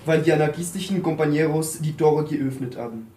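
Taking turns with another reader, a man reads a text aloud and now and then stumbles over a word. His voice is fairly high and dark-toned at a fairly quick pace, and the recording is roomy with a faint hiss.

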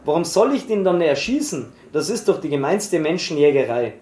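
A man reading a literary memoir aloud in a measured, expressive way. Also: on the high side. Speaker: reader. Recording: roomy echoey recording.

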